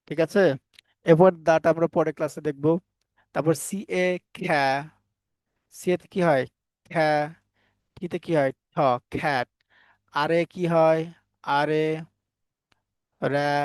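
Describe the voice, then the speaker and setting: A man teaching phonics in a voice pitched a little high. He quizzes the class and answers himself, then spells each word out sound by sound. The sound is close and dry, with no room echo. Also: a little mellow. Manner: asks the class questions and answers them himself. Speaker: English teacher. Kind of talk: phonics lesson for Bengali learners.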